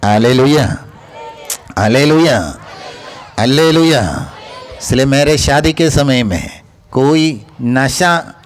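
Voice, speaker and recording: A man preaching a church sermon in a fairly high voice. He hammers his points through repetition, rising into urgent exhortation and dropping into low, quiet asides.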